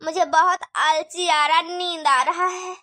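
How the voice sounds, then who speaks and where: A lazy, cheeky young daughter-in-law, voiced by a woman, answers back with teasing sarcasm. Her cartoon voice is very high and bright, in a dry, close recording. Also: steady tone, measured pace, no echo, full character voice. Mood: sarcastic.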